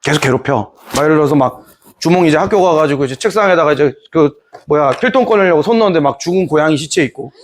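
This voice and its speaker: A man teaching history in a lively lecture, playfully acting out scenes from the story. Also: a little high, quick pace, a little hiss or hum. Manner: animated storytelling, playful, voices characters.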